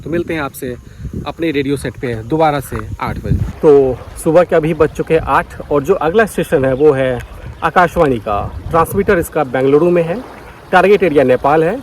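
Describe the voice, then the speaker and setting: There's slight background noise as a man with a somewhat high voice vlogs from a village beside paddy fields. He talks informally, explaining things straight to his viewers.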